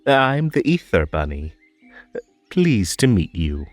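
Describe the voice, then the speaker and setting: A man's voice: lowish voice, sing-song, slow, faint music behind. A man playing a whimsical, lonely and possessive magical rabbit host in a roleplay audio drama, coaxing theatrically with stammers and nervous giggles. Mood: playful, mysterious.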